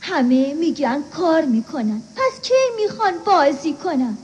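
A woman doing a high, playful little boy. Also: expressive, a little mellow, highs cut off. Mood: pleading. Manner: pleading, sing-song rhymes. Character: mischievous young boy who wants to play. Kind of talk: children's musical audio story.

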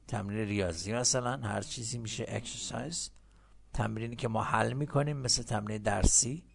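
A man teaching an English lesson, reading English phrases slowly and clearly for repetition, then explaining quickly. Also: medium pitch, fairly bright tone. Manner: switches between slow drilled English and fast explanation.

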